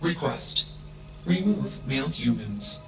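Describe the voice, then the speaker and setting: A flat, emotionless AI machine. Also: male voice, mid-range voice, takes it slowly, music in the background, poor audio. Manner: flat, emotionless, announces each thought with a one-word label. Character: emotionless male AI machine, coldly logical. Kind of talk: video game voice acting.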